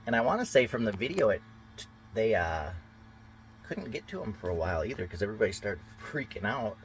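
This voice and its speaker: A deep-voiced man vlogs from a boat on a river, narrating casually in a rambling, chatty way full of fillers. The audio is poor, with a little hiss or hum.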